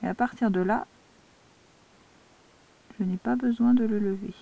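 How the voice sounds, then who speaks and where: Une institutrice française qui explique l'écriture cursive à de jeunes élèves, pas à pas et avec patience. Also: female voice, medium pitch, steady tone, creaky, mellow. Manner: slow, patient step-by-step instruction. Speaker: primary school teacher. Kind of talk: handwriting lesson for young children.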